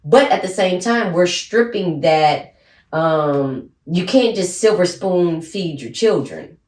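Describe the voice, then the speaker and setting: A blunt woman in her forties co-hosts a casual podcast chat, her pitch swinging freely as she talks. She laughs often. The sound is roomy, with the mic set some way off. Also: expressive, takes it slowly, a little mellow, distant mic. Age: 40s. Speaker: podcast co-host.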